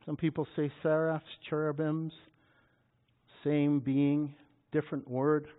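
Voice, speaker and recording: A man preaching a sermon, reading scripture and bursting into loud, dramatic cries at the high points. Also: level tone, takes it slowly. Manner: dramatic, shouting scripture at peaks. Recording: tinny phone-like sound.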